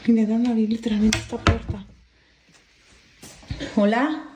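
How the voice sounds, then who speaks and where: A woman's voice: fairly high pitch, flat delivery, measured pace. A woman recording herself on her phone at home at night, nervously talking to viewers and calling out into the house. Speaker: person filming at home. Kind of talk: casual self-recorded phone video. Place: dark bedroom at home, indoors. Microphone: phone held in hand. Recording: echoey room with faint hiss.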